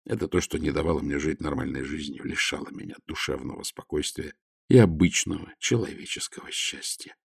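A man voicing a middle-aged gentleman who speaks quietly in a breaking, faltering voice. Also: extremely low pitch, lively intonation, brisk, gravelly, exaggerated voice. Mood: shaken. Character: gentle middle-aged male adventurer, shaken.

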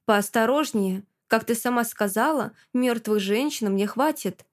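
A woman reads a domineering man in an audiobook, slow and commanding, never raising the stakes in his tone. Each line lands curt and unbending. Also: fairly high pitch, lightly acted.

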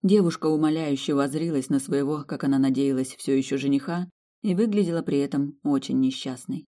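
A narrator reading a romantic novel aloud as audiobook narration, expressive and even. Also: medium pitch, brisk.

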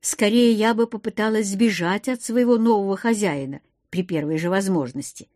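A woman narrating a first-person audiobook with expressive, lively inner monologue. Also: mid-range voice, normal speed, no echo, studio quality. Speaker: audiobook reader.

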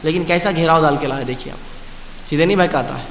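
A man preaching a sermon, slowly reciting scripture and then explaining it with repeated phrases. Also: on the high side, a bit bright. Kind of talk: Urdu sermon with Quranic recitation. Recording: echoey hall with faint hiss.

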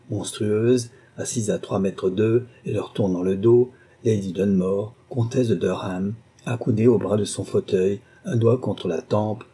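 A man's voice: fairly low pitch, warm tone, breathy edge. A man reading a short story aloud as narrator, with a dramatic, suspenseful delivery. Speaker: audiobook narrator.

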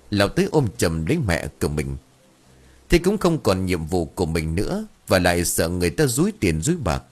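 Expressive husky male audiobook narrator. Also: deep voice. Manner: expressive, dramatic storytelling. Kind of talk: storytelling narration of a ghost story. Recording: narration over faint background music.

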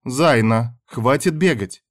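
A man voicing a strict mother who scolds her daughter in a raised, sharp voice. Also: medium pitch, slow, close to an everyday voice. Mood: scolding. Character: strict tall red-haired mother, scolding.

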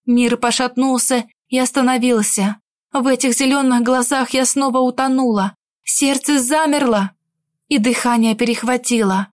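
A woman narrates a fantasy romance novel in the first person. Her voice sits somewhat high, and she reads with expressive, emotional shading. The delivery is scripted and steady. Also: moderate pace, no echo, clean studio sound. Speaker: audiobook narrator.

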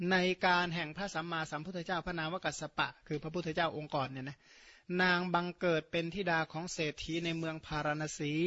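With a slightly high, fairly bright voice, a man who is a Buddhist monk gives a dharma talk, explaining terms as he retells scripture and slipping in casual asides and tag particles. He is from Surin, Thailand, and Khmer is his first language. The highs are cut off in the audio.

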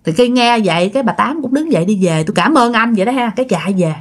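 A woman's voice: medium pitch, lively intonation, fast talker. A woman telling a ghost story in a chatty way, talking straight to her listeners. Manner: chatty, addresses listeners directly.

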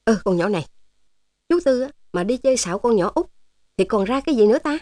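A woman's voice: on the high side, animated, quick pace, warm tone, no room sound, close to an everyday voice. A woman voicing a jovial, teasing older male resistance officer in a storybook. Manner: teasing, fatherly, joking.

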